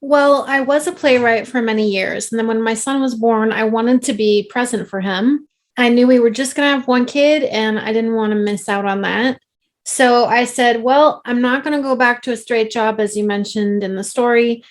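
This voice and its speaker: Woman author guest, kinda high voice, emotional and open, laughs a lot. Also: normal speed. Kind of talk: interview conversation.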